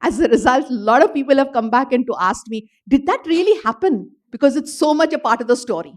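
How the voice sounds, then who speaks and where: Her voice is high with lively intonation and a slightly quick pace. Speaking in an event hall in front of an audience, the author fields questions at a literature festival panel, earnestly laying out her writing process with frequent "you know" fillers.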